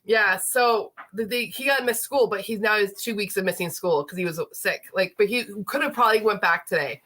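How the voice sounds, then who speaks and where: A woman's voice: mid-range voice, fairly quick, pushed and bright. A woman in her late thirties hosting a casual livestream chat, sounding stuffy and congested from a lingering illness, rambling with lots of fillers. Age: 30s. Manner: chatty, rambling, with frequent fillers. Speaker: host.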